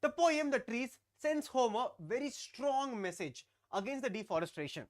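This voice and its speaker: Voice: medium pitch, expressive, normal speed. Teacher doing a live online class, keeps repeating bits, talks to the chat. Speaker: English teacher.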